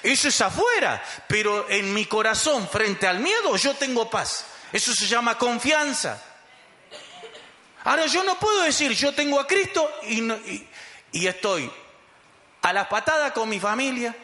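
A man's voice: very high voice, very animated, a little slow, pushed and bright, roomy sound. A man preaching a sermon as pastor, emphatic and calling the congregation to repeat after him.

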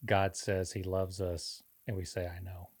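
A man's voice: deep voice, little pitch movement, a little slow. A man co-hosting a podcast, explaining faith in an earnest, preacher-like way. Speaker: podcast co-host. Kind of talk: casual faith discussion.

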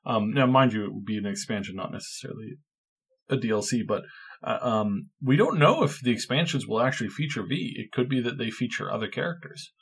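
A man's voice: medium pitch, brisk, fairly bright tone, husky. Playful man co-hosting a podcast. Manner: playful, rambling, many fillers. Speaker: podcast co-host. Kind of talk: casual chat.

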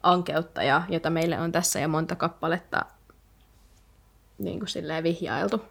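A woman's voice: sits low, vocal fry, fairly bright tone. A woman speaking, a podcast co-host who chimes in with her own notes and comments in casual talk. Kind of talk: casual book discussion.

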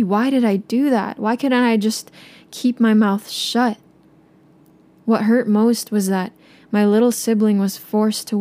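A young woman, a native Tagalog speaker, narrating a personal story in a soft, subdued way. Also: mid-range voice.

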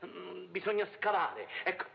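A man's voice: high-pitched, animated, normal speed, vocal fry, heavily acted. An actor playing an exasperated male professor of an asylum who coaxes and pleads with a patient, on an old film soundtrack. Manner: pleading, fussy, coaxing. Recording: dull old film soundtrack with faint hiss.

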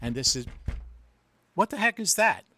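Male radio host, bright, chatty, a little high. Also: sing-song, moderate pace. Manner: chatty, takes phone calls. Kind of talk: casual radio chat.

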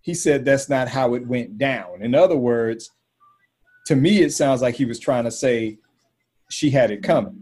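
A man chats on a podcast in a blunt, slangy way. His voice sits at a middling pitch and the recording is plain. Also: darkish tone. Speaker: podcast co-host. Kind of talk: casual chat.

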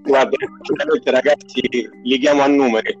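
A man chats casually about sport in a joking manner. His pitch is average. The recording is somewhat muffled, with faint music underneath. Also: fairly even intonation, moderate pace. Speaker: team staff member being interviewed. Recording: dull, lo-fi audio.

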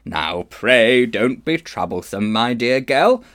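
A man's voice: mid-range voice, animated, slow pace. A man doing vain pompous old Uncle Andrew. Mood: wheedling. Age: older. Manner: pompous, wheedling, old-fashioned gentleman's talk.

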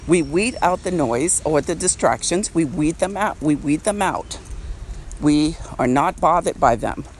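A man's voice: fairly high pitch, animated, measured pace. A man hosting an unedited podcast outdoors, talking reflectively and repeating phrases, laughing now and then. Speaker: podcast host. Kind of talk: casual unedited podcast monologue. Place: outdoors by a street. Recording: faint outdoor street noise. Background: traffic and street noise.

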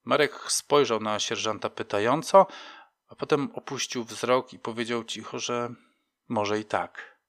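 Brief: male narrator, bright tone, mid pitch, measured storytelling. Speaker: audiobook narrator. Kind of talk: scripted fiction narration.

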